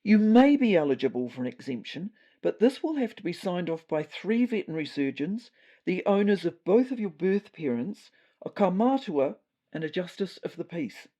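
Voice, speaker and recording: In a comic audio story, a woman performs the part of an earnest male cat official. Her lowish voice is mellow and soft-edged with a New Zealand accent, and she delivers lines formally, a little tentatively, very animated and at a moderate pace.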